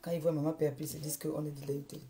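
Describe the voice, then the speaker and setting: A woman's voice: deep voice, flat delivery, racing, mellow. A woman chatting casually on a live stream, repeating greetings and asking viewers again and again to share. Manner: repetitive, greets viewers over and over; keeps urging viewers to share. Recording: crowd noise in the background.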